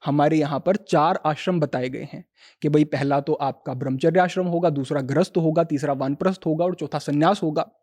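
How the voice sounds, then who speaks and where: A man speaking as a yoga teacher on a podcast, calmly explaining spiritual ideas and quoting Sanskrit verses. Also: a little high, brisk.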